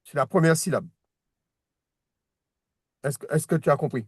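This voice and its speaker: A man's voice: on the high side, normal speed, darkish tone, breathy edge, dry recording, clean studio sound. A man teaching a one-on-one reading lesson, patient, repeating words and restarting his sentences as he explains. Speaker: Hebrew teacher.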